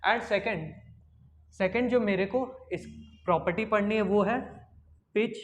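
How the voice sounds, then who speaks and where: A man giving an online science lesson, repeating his own questions and answering them, sometimes dropping quiet or going loud to demonstrate a point. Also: sits high, measured pace, roomy sound. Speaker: science teacher.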